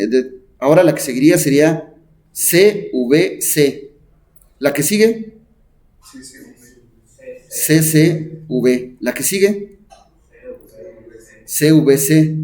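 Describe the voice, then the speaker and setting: A man gives a math lesson in a classroom. His voice sits a little high, and he thinks aloud at the board. He keeps asking the students questions and pauses on "este". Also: a little mellow. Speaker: math teacher. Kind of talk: classroom lecture.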